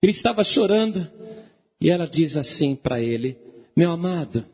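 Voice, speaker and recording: Husky, high-pitched preacher. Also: male voice, very animated, normal speed, a little mellow. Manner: dramatic storytelling. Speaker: pastor. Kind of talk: sermon.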